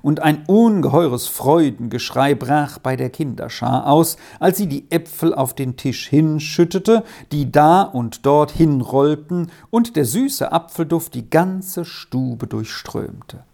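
A woman reading a children's story aloud as narrator, in a calm and measured way. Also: low-pitched, creaky.

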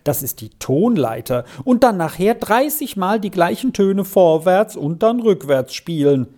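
A narrator voicing an eager, talkative little girl who plays the piano, with a raised, lively voice. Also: medium pitch, pitched above the performer's own voice. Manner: bright, talkative, quick to explain. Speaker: child musician.

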